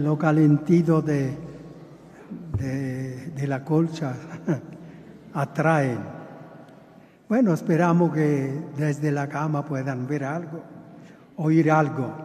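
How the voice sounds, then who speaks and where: A man, a priest, reads the gospel and then talks to children in a slow, measured way, chanting the set liturgical phrases. His voice carries a long church reverb, as in a cathedral, and is picked up from some distance. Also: on the high side, dark tone, a little hiss or hum. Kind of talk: gospel reading and children's homily. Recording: echoey church sound from the mic's distance.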